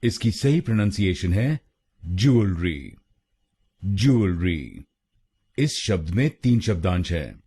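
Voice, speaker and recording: A man teaching pronunciation in a lesson, breaking a word into syllables and saying each one twice, slowly and clearly. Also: on the low side, dark tone.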